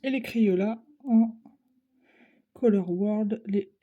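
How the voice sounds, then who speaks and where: A woman's voice: mid-range voice, slow, highs cut off. A woman with a Ch'ti accent, touring her craft supplies in a casual way and hesitating with many fillers as she thinks aloud. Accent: Ch'ti (northern French). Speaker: craft vlogger. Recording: loud crinkling and clicking handling noise. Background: rustling of packaging and boxes.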